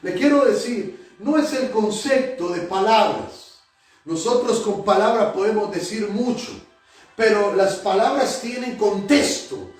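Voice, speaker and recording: A man's voice: high voice, a little slow, faint music behind. A male pastor preaching a sermon to his congregation, emphatic, repeating phrases for effect. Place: church hall. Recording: very echoey church hall, mic at a distance.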